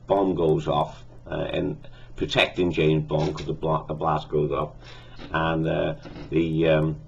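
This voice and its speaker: A man giving a casual spoken film review, halting with many fillers and self-corrections. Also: extremely low pitch, gravelly, a little mellow, husky, highs cut off.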